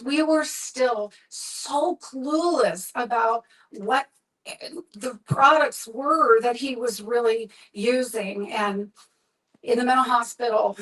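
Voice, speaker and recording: A middle-aged woman from the United States delivers an earnest personal testimony at an event. Her voice sits a touch high and she leans into emphasis as she tells the story. The mic catches her from a little way off. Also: fairly bright tone. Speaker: speaker at an event. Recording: distant from the mic.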